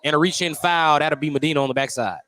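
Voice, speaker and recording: A man calls a basketball game live on radio, speaking fast with a fairly high, fairly bright voice. He keeps it conversational and tosses in joking asides between plays. The live gym broadcast comes through clearly over the background noise.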